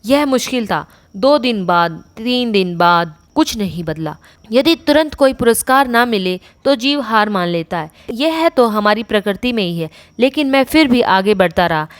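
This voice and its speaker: A woman voicing a brawny male demon warrior who lectures in a slow, grave way. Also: a little high, lively intonation, no echo, lightly acted.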